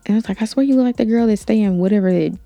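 A young woman hosting a podcast, telling a personal story in a candid, animated way, with slang. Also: medium pitch, rapid-fire, creaky, dry recording, dull audio. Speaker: podcast host. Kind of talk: story time.

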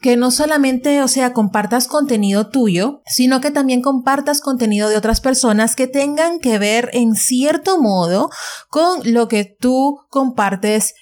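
Chatty woman podcast host, higher voice. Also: a little slow, darkish tone. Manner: chatty, restarts and self-corrections. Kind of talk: casual solo podcast advice.

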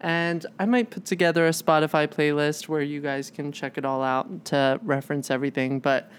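A woman's voice: sits low, moderate pace, clear, resonant tone. A young woman co-hosting a podcast in casual chat, full of "like" fillers and quoted asides. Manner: chatty, lots of "like" fillers, animated quoting. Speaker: podcast co-host.

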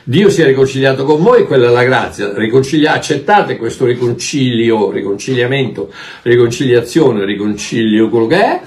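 Animated preacher man. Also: medium pitch, normal speed. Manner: animated, emphatic, repeats words while searching. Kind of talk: sermon teaching.

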